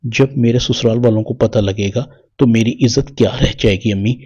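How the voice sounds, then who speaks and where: A man's voice: mid-range voice, darkish tone, slightly rough, lo-fi sound, natural voice. A man reading a young wife and elder sister. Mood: plain.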